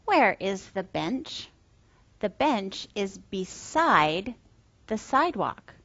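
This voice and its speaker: A woman's voice: mid-range voice, big pitch swings, takes it slowly, fairly bright tone. A woman giving a question-and-answer lesson for young learners, as if reading to a toddler, asking simple questions and answering them plainly. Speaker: children's English teacher. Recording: slightly dull, dry close sound.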